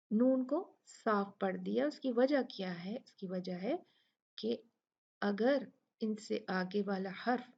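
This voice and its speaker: A woman's voice: mid-range voice, husky, dull audio. A woman with a Pakistani Urdu accent teaching recitation rules, patiently repeating sounds to demonstrate them. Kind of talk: Tajweed lesson explaining rules.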